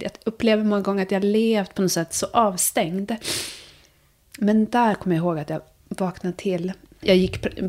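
A young adult woman speaking softly and reflectively as a podcast guest, sometimes dropping to a hush. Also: medium pitch. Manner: soft, searching, drifts into hushed whispers. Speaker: guest, vocal coach and therapist. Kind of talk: reflective conversation.

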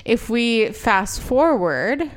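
A woman's voice: fairly high pitch, sing-song, very slow. A woman co-hosting a wrestling podcast in casual banter, blunt and sweary with a teasing manner.

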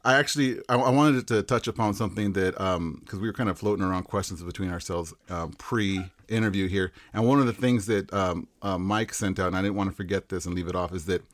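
A man's voice: deep voice, brisk, few pauses, no room sound. A man co-hosting an interview in an enthusiastic, chatty way. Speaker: co-host. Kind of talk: casual interview chat.

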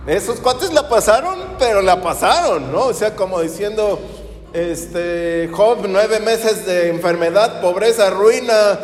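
A man preaching a sermon as pastor, telling stories with animated delivery and acting out the people he quotes. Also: high voice, takes it slowly. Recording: roomy hall with long reverb.

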